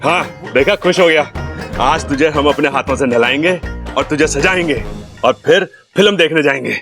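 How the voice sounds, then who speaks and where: In a TV serial, an actor plays an adult eldest brother, cheerful and scheming, who playfully coaxes his younger brother. His natural voice is a little high and moves at a moderate pace, with music playing behind.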